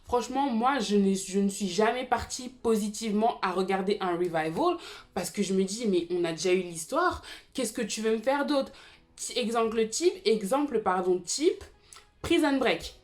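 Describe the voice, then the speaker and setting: A woman's voice: medium pitch, animated, moderate pace, faint music behind. A woman in her twenties chatting casually to viewers about TV series, with frequent fillers and asides. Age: 20s. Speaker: YouTube TV series commentator. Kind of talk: casual explainer vlog.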